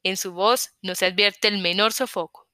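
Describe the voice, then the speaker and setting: A woman narrating a story in the first person in a measured, scripted audiobook reading. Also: medium pitch, fairly even intonation, sharp tone, no echo, clean studio sound.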